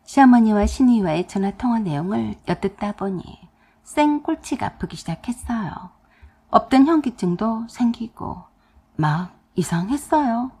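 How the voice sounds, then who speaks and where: Husky woman narrating a radio drama. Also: on the high side, lively intonation, normal speed, dark tone. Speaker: storyteller.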